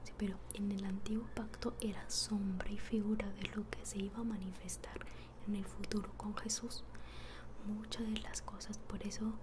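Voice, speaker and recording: A woman giving a soft ASMR Bible teaching in a breathy, barely audible whisper, hushed and explanatory. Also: medium pitch, little pitch movement, normal speed, background noise.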